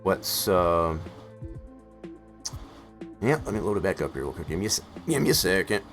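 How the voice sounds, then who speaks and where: A man streaming live in casual chat, rambling with many fillers and hoarse from losing his voice. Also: sits low, sing-song, normal speed. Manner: rambling, full of "uh" and "I guess, as far as" fillers. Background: faint music playing in the background.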